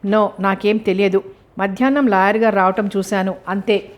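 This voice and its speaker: A woman's voice: medium pitch, steady tone, normal speed, natural voice. A woman voicing a scheming young man who answers in an evasive, defensive way.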